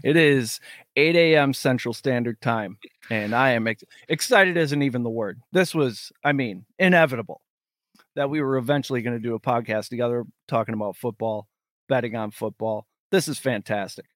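A man's voice: medium pitch, moderate pace, fairly bright tone, no room sound, clean studio sound. A man co-hosting a sports betting podcast in casual, conversational talk. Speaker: podcast co-host, sports bettor.

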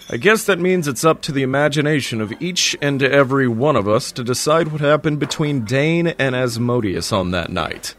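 A man playing a steady old space officer, mid-pitched voice, measured and polite. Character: calm veteran male space officer.

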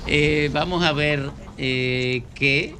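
A Dominican man hosting a call-in radio show, joking and briskly cueing one caller after another. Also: on the high side, sharp tone, a little hiss or hum. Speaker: radio talk show host. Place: radio studio.

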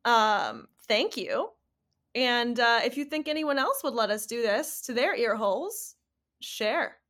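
A woman's voice: a little high, expressive, measured pace, a bit bright. A woman co-hosting a casual podcast, joking with bawdy, self-mocking humor and laughing often. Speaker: podcast co-host. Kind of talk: casual chat.

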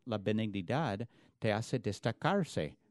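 A man's voice: lowish voice, animated, slow pace, a little mellow, no echo. A man preaching a sermon in an earnest, emphatic way, often restarting words mid-phrase. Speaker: pastor.

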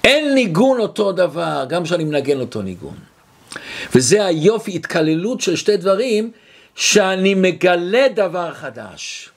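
Male Torah teacher for an animated religious lesson: high-pitched, swings widely, acts out his stories. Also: vocal fry, husky. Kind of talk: religious lecture with a story.

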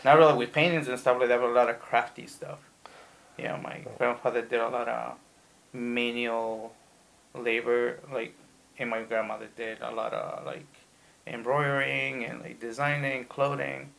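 Gravelly man from Ecuador, rambling stories. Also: medium pitch, moderate pace. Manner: rambling, animated storytelling with profanity. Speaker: tattoo artist, guest. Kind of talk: casual interview chat.

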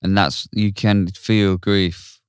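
A man's voice: low-pitched, little pitch movement, takes it slowly, smooth, dry recording. A man, a music producer co-hosting a podcast, asking curious, casual questions with plenty of fillers. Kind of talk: podcast conversation.

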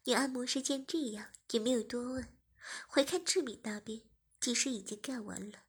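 A woman narrating a story in a soft, often half-whispered voice. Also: a little high, normal speed, husky. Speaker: story reader. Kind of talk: scripted narration.

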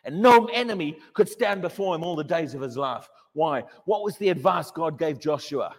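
A man with a fairly high voice preaches in a church, pressing his points with questions and repeated words. A long reverb trails after each phrase. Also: animated, normal speed. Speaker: pastor. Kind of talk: sermon.

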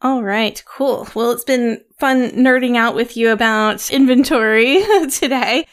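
A woman's voice: a little high, unhurried. A woman hosting a podcast interview in a casual, conversational style. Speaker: podcast host.

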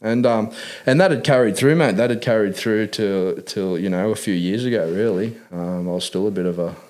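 A man's voice: on the low side, a little fast, darkish tone. An Australian man telling his life story in a casual interview, talking in laid-back working-class Aussie slang peppered with "man" and "mate". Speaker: interview guest.

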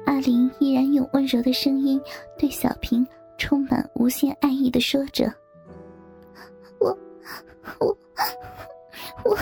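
A woman narrating an erotic story in a hushed, half-whispered reading. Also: sits high, flat delivery, moderate pace, creaky. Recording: faint background music.

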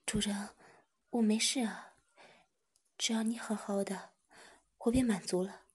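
A woman's voice: medium pitch, steady tone, measured pace, darkish tone, husky. A woman doing a devoted affectionate young woman. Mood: tender devoted.

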